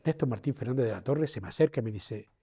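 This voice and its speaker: A man's voice: mid-range voice, quick pace, breathy edge. A man with a Canarian accent playing a proud older Canarian man, telling his own life story straight to a touring audience. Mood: proud storytelling. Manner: lively storyteller, addresses listeners directly. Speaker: actor on a theatrical walking tour. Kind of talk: theatrical first-person storytelling.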